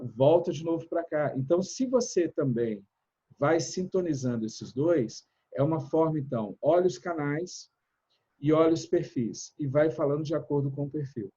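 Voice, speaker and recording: A man speaking over a video call, his voice a little high for a man, but dark and husky. He talks with energy and changes pace and loudness on purpose, now quick, now slow and soft. The audio is muffled and lo-fi. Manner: energetic, shifts between fast and slow, loud and soft. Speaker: speaker on productivity and communication. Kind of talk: live online chat talk.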